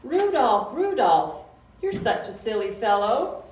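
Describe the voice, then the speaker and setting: A children's library storytime host plays with young children in a playful sing-song way, asking simple questions, reciting poems and singing. Her voice is fairly high and a little mellow, very animated, and she takes it slowly. A distant mic gives roomy echo and faint noise.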